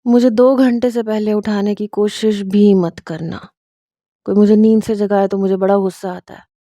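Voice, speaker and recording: A woman's voice: mid-range voice, steady tone, dark tone, no room sound, muffled recording, close to an everyday voice. A woman voicing a grumpy sleepy young husband. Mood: annoyed. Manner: gruff, dismissive, annoyed. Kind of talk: storybook narration.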